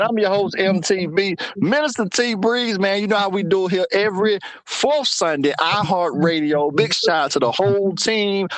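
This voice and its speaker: A man hosts a casual talk show, relaxed and upbeat, full of shout-outs and slang. His voice sits a little higher than most men's. It is recorded close and dry, with no room sound. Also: no echo. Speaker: podcast host.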